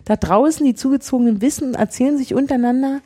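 A woman's voice: sits high, quick pace, mellow. A woman from Berlin co-hosting a casual podcast chat, rambling and often correcting herself mid-sentence. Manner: rambling, self-correcting, chatty. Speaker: podcast co-host.

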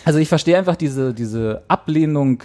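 A man's voice: fairly high pitch, lively intonation, moderate pace, a little mellow. A man hosting a casual talk show, rambling thoughtfully with many fillers and restarts. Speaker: show host. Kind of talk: casual chat.

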